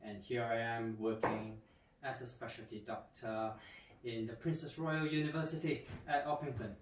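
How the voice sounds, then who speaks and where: Halting man, roomy distant sound. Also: mid-range voice, fairly even intonation. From Malaysia. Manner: warm, halting, many um fillers. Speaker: emergency doctor. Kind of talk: speaking to camera about his work. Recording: roomy, distant mic, faint hiss.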